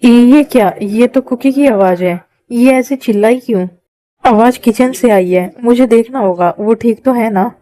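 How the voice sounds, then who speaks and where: A woman's voice: a little high, unhurried, dark tone, dry recording, lightly acted. A woman voicing a possessive, menacing young man in a Hindi fan-dub drama, commanding and controlling. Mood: tender.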